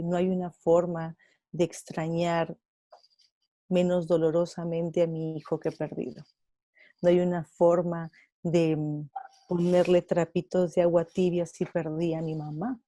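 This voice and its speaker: A woman's voice: fairly low pitch, level tone, a little slow, long pauses, warm tone, dry recording. A woman with a Peruvian Spanish accent speaking as a guest on an online panel, explaining patiently and acting out quoted dialogue.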